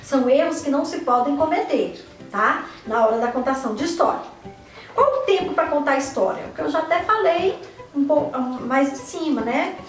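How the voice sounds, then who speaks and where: A woman's voice: sits high, lively intonation, a little fast, roomy sound, far from the mic, faint music behind. A Brazilian woman, a teacher, giving an online lesson to parents and teachers, posing questions and answering them herself, with frequent checks like "right?". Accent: Brazilian Portuguese. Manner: didactic, asks and answers her own questions, frequent "né?" and "tá?". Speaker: teacher and educator.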